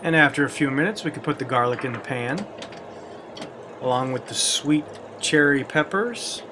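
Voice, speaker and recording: A man's voice: mid-range voice, normal speed, noisy background. A man hosting a cooking video, walking through a recipe step by step with wry, self-deprecating jokes. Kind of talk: cooking demonstration with jokey asides.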